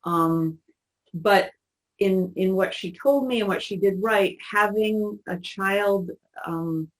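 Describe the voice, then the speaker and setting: A woman in her sixties recalling her childhood in an interview, talking in a halting, reflective way with many restarts. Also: fairly low pitch, rough recording. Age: 60s. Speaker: interview guest. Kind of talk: personal recollection in conversation.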